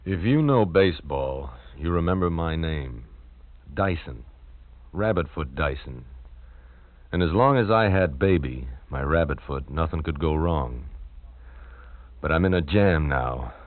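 An actor playing a tense, hunted male baseball player turned killer, speaking in a low, clipped first-person way, heard as an old broadcast disc recording. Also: animated, a little slow, no echo. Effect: old broadcast disc transcription. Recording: dry, narrow-band old radio transcription.

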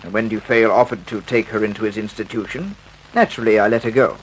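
An actor playing a formal, matter-of-fact hospital doctor in a vintage radio drama. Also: male voice, lowish voice, fast talker, close to an everyday voice. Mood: formal, explanatory. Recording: noisy vintage radio recording.

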